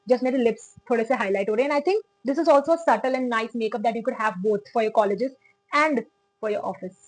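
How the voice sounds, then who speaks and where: A woman's voice: fairly high pitch, darkish tone, rough recording. A young woman with an Indian accent chatting through a makeup tutorial, switching freely between Hindi and English. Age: young adult. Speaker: makeup vlogger.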